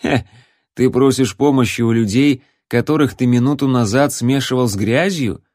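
A man's voice: mid-range voice, moderate pace, a little mellow, no echo, studio quality, close to an everyday voice. A man voicing a composed, patient male ranger who speaks reasonably. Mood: calm. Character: calm, patient male ranger, quietly amused.

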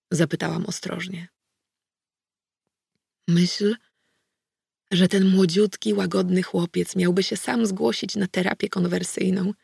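A woman reading a first-person novel aloud as an audiobook, calm and even, on a close studio mic. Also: on the low side, vocal fry, husky, no echo. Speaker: audiobook narrator.

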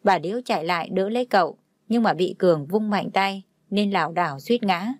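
A woman narrating a dramatic story in a steady, even way. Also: mid-range voice, fairly quick, no echo, studio quality. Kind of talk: scripted narration.

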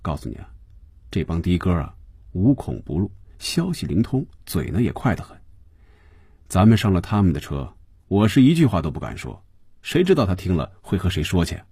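A man playing a shrewd, cautious middle-aged male boss who gives quiet advice. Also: sing-song, normal speed, slightly rough, no room sound, studio quality, exaggerated voice. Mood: confiding. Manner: low, confiding, advising.

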